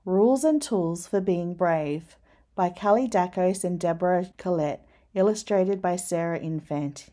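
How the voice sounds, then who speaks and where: A woman reading a children's picture book aloud, expressive, with dramatic rises at the scary moments. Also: lowish voice. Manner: slow, deliberate storytelling. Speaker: storyteller.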